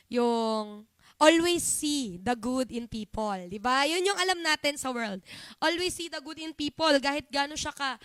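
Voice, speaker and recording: Filipina preacher, high clear voice, dry close sound, teaching tone, checks in with listeners. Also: female voice, a bit bright, dry recording. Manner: Taglish, often asks "di ba?" and "Amen?". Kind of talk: church teaching.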